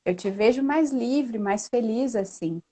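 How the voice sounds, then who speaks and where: A woman guest in a casual live chat, earnest and lively, often tagging her sentences with a questioning "né?". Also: fairly high pitch, measured pace. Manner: earnest, lively storytelling with frequent "né?".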